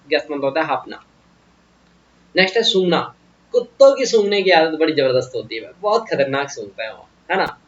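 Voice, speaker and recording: A man's voice: sits high, muffled recording. A man teaching English vocabulary in a casual, joking way, often asking the viewer questions. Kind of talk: casual Hindi vocabulary lesson.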